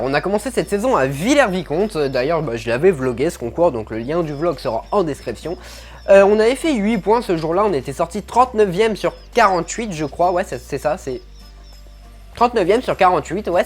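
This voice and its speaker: A man's voice: a little high, a little mellow. A man talking casually to his viewers in a vlog, upbeat and chatty, telling his story with lots of fillers. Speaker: show-jumping vlogger.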